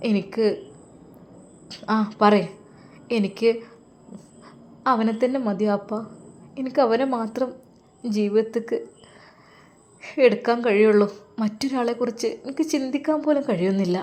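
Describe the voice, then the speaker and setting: A woman's voice: medium pitch, normal speed, pauses often, darkish tone, natural voice. A woman voicing a grieving young woman who pleads tearfully in prayer, in a storybook telling. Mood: despairing. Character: grieving young woman praying for her sick beloved.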